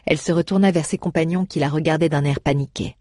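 A woman reading a fantasy story aloud in a measured, expressive way. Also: sits low, no echo, clean studio sound. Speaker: audiobook narrator. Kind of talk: scripted storybook narration.

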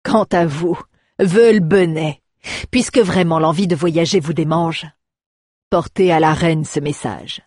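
A woman's voice: low-pitched, measured pace, a little mellow, slightly rough, no room sound, clean studio sound. A woman voicing a scheming middle-aged baron, lazy, mocking and drawling, in a storybook reading. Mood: sardonic. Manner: drawling, sarcastic, turning menacing.

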